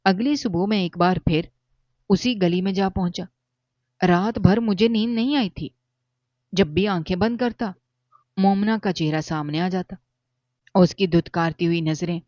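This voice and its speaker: A man narrating a first-person story in a grave, steady, mournful tone. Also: high voice, no room sound. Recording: dull dry lo-fi recording.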